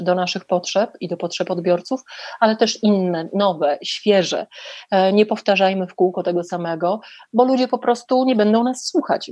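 A woman's voice: medium pitch, a little mellow, no room sound. A middle-aged woman giving conversational advice as an interview guest, direct and explanatory, often correcting herself mid-phrase. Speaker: podcast guest, public speaking coach.

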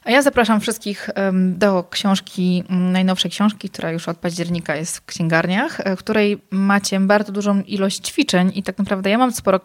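A woman's voice: mid-range voice, fairly even intonation, normal speed, hardly any pauses, dry recording. A woman hosting an informal podcast, speaking hesitantly and repeating words for emphasis. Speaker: podcast host. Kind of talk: informal podcast interview and sign-off.

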